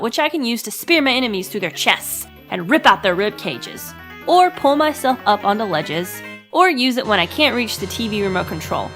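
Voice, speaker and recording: A young adult woman with a slightly high, sharp voice hosts a comedic gaming web series, delivering scripted narration styled like a diary entry. Her manner is sarcastic, crude and emphatic.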